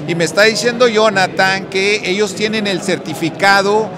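A man's voice: sits high, normal speed, music in the background. A man hosting a casual walkthrough vlog, chatting with fillers and restarts on a handheld mic in an indoor expo hall. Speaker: vlog host touring an electrical expo. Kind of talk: casual on-the-spot walkthrough and interviews.

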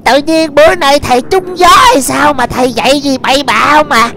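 A woman's voice: sits high, normal speed, sharp tone. A woman voicing a cheeky, whiny young male demon student in a game video voice-over. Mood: complaining. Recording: music bed behind voice. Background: music.

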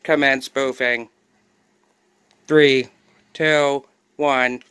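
Man doing a robot police enforcer, clipped monotone orders, bright tone, crisp clear voice. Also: medium pitch, very slow. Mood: commanding. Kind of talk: comedic skit acting.

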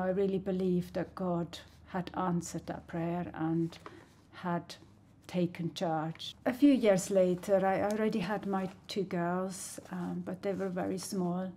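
A woman from Switzerland in her sixties telling her personal faith story in an earnest, reflective way with soft hesitations, recorded in a small living room on a stand mic. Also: on the low side, slight background noise. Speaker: church member sharing her testimony. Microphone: stand mic, camera at medium close-up. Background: soft background music.

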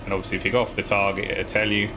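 A man talking viewers through a video game tutorial step by step, in a relaxed, casual voice-over. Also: fairly low pitch, very fast, noisy background. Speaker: gaming guide creator.

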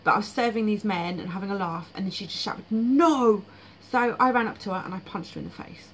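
A woman's voice: mid-range voice, steady tone, fast talker, fairly bright tone, slight background noise, low-quality recording. A woman vlogging about her dreams in casual, frank, blunt monologue with frequent fillers.

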